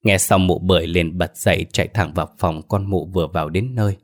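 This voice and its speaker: Low-voiced man telling a horror story. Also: steady tone, fairly quick.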